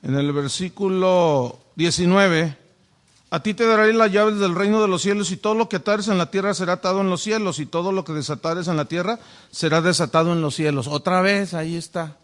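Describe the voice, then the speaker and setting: Speaking briskly in a high-pitched voice, a male pastor runs a sermon-style Bible lesson. The setting is a church classroom with a whiteboard, and he frequently asks the room rhetorical questions.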